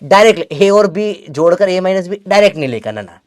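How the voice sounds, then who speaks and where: A man's voice: high voice, animated, brisk, no room sound, studio quality. Teasing young man teaching physics. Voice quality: chatty, teasing, calls students beta. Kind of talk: classroom lecture with Gen Z slang.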